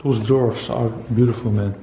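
A man's voice: on the low side, fairly even intonation, a little slow, warm tone, a little hiss or hum, low-quality recording. A man in his twenties talking casually and exclaiming in slang to viewers while exploring an abandoned house at night on a handheld camera. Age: 20s. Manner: exclamatory slangy talk, often addressing viewers. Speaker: urban exploration vlogger. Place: empty rooms and basement of an abandoned house. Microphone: handheld camera at arm's length.

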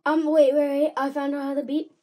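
Excitable young woman gaming commentary. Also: high-pitched, brisk, low-quality recording. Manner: excitable, jumps from nervous mumbling to loud surprised outbursts. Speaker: gaming channel host. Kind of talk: casual game commentary.

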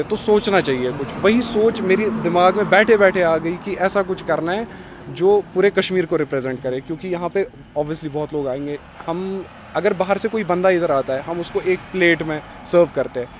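A man's voice: on the high side, slight background noise. A man of twenty-one from Kashmir, a young restaurant owner, answering interview questions outdoors in earnest talk mixed with English phrases. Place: outdoors in a village courtyard. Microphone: handheld mic held by the interviewer.

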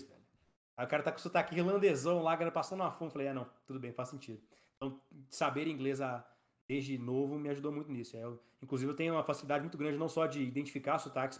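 A man, a company founder as a podcast guest, telling stories in an animated, slangy way. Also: on the high side. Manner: fast, animated storytelling with slang. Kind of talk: casual interview chat.

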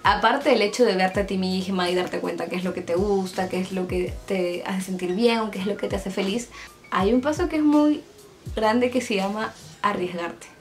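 Chatty young Peruvian woman vlogging. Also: mid-range voice. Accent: Peruvian Spanish. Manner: chatty, confiding, joking asides; talks while painting her nails. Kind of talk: casual confessional vlog. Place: at home, in her bedroom.

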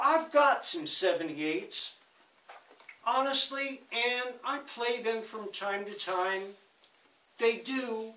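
The man's casual, rambling monologue to camera covers records and audio equipment, peppered with jokes and delivered mostly at a leisurely pace with abrupt fast bursts. His voice is high and bright. He's recorded in a gear-filled home room from a distance, so room reverberation comes through.

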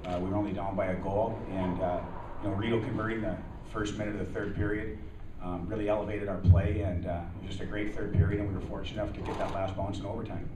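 A middle-aged man, a head coach, speaking briskly and in measured terms at a postgame press conference. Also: low voice, level tone. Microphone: table microphone. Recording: echoey room, distant mic, background noise.

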